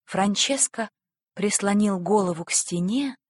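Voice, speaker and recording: Husky woman reading a story. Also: mid-range voice, no room sound, clean studio sound. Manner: calm, measured reading. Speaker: narrator.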